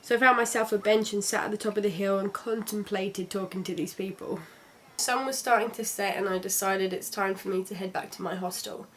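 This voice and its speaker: A woman's voice: mid-range voice, fairly even intonation, fairly quick, hardly any pauses, a little hiss or hum. Chatty young woman. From London. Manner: chatty and candid, with frequent restarts. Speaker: travel vlogger. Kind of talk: casual travel vlog narration.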